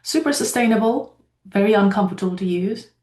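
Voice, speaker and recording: A woman's voice: medium pitch, a little fast, a little mellow, reverberant. A woman from Nepal with a Nepali accent, speaking as a company founder at a webinar and earnestly telling her own story with frequent ums. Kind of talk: webinar talk.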